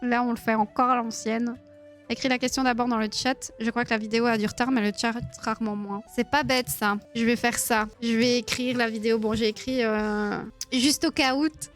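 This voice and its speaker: A woman's voice: on the high side, steady tone, moderate pace, soft background music. A woman in her thirties hosting a live quiz stream, chatting playfully with viewers and giggling often. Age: 30s. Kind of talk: casual live-stream chat.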